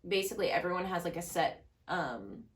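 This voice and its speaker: A woman's voice: on the low side, lively intonation, fairly quick, roomy sound. A young woman hosting a YouTube reaction video, chatting casually, laughing often and filling her talk with "like".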